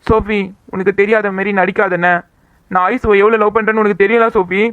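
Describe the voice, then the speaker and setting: A woman's voice: medium pitch, fairly even intonation, brisk, no room sound, phone-quality sound, close to an everyday voice. A woman voicing a lovesick young man in a cartoon, pleading earnestly.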